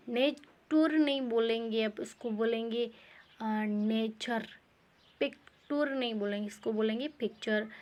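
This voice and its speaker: A woman with a fairly high voice explains pronunciation rules at a slow, careful pace. She fills gaps with "uh", repeats herself, and asks a question before she answers it herself. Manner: slow and repetitive, with many "uh" pauses. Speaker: teacher.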